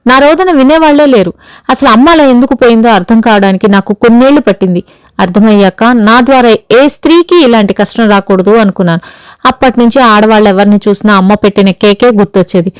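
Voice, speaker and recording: A woman's voice: fairly high pitch, brisk, clear, resonant tone, no echo, lightly acted, rough recording. A woman voicing a troubled young husband as he earnestly confesses an old fear. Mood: confessional.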